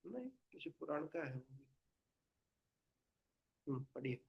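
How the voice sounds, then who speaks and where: A man's voice: a little high, sing-song, measured pace, gravelly, lo-fi sound. A man leading a devotional study session, explaining patiently and quizzing his listeners with questions. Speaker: spiritual teacher.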